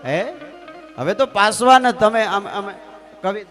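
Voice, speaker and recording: A man with a Kathiyawadi Gujarati accent spins a folk tale on a live stage, his voice pitched high and animated. He keeps turning to the audience as sir, while a guitar plays clearly behind him. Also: slow. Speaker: folk storyteller. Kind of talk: live folk storytelling with sung verse.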